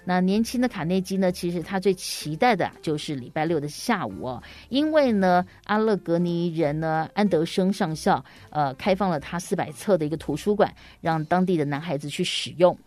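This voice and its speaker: Lower-pitched woman telling a story to children. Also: lively intonation, a little mellow. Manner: teacherly, addressing little listeners, frequent drawn-out sentence particles. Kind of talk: explanatory storytelling to young children.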